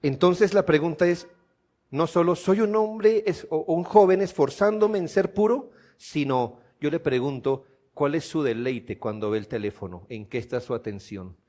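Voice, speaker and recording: A man with a Colombian accent preaching a sermon as pastor in a church, asking his listeners rhetorical questions and building to loud, emphatic peaks. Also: a little high, normal speed. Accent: Colombian Spanish.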